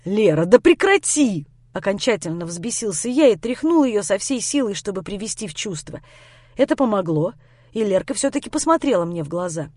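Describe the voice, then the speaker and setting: A woman reading a first-person story aloud as an audiobook narrator, with expressive storytelling. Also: medium pitch, a little fast, no echo, studio quality.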